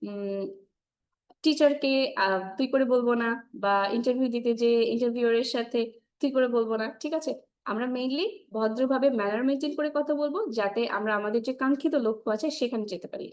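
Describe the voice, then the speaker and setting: A woman teaching spoken English in Bengali mixed with English, drilling sounds slowly and often checking in with the class. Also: fairly high pitch, a little mellow. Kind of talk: online class lesson.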